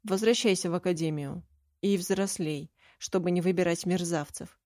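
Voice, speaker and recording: A woman's voice: fairly low pitch, fairly even intonation, moderate pace, darkish tone, no echo, studio quality, lightly acted. A woman voicing a stern, secretive young male mage who speaks in a curt, cutting way, in an audiobook reading. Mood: scornful.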